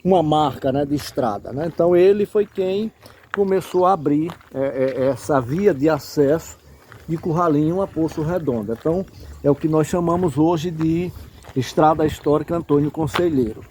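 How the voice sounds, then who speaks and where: A man from the Brazilian Northeast, specifically the Sergipe backlands, speaks in his regional accent while improvising a didactic lesson on local history, repeatedly using check-in tags. His slightly high voice has a dark tone and moderate pace, with a little hiss or hum in the audio.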